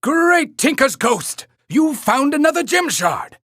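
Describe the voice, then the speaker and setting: A man's voice: very high-pitched, sing-song, slow pace, pushed and bright, dry recording, studio quality, heavily acted. A man voicing a pompous, earnest cartoon mayor in a video game, announcing in a grandiose, theatrical way. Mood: excited, hopeful. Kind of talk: scripted video game narration.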